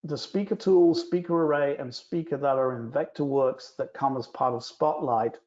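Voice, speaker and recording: A man explains software steps and answers questions on a live stream, at an average pitch. He talks in a relaxed, explanatory way with many fillers. The audio is a bit dull and lo-fi. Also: moderate pace. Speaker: guest instructor.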